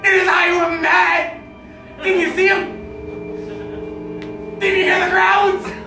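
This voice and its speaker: A man's voice: very high-pitched, level tone, slow, creaky, shouting, over music, full character voice. A man on a small theater stage playing a manic male chihuahua space captain, ranting shrilly and unhinged. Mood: crazed. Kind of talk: live stage comedy acting. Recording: echoey room from a far phone camera, audience laughter.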